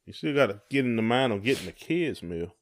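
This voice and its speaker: Animated and brisk, this man's mid-range voice carries a relaxed, folksy, colloquial chat as he co-hosts a podcast.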